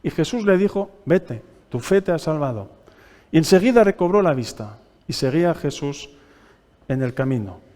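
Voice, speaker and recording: Spanish preacher in a reverberant church hall. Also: male voice, a little high, very animated, moderate pace, mellow. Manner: teaching by asking the congregation questions; reads scripture aloud, raising his voice for quoted pleas. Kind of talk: sermon.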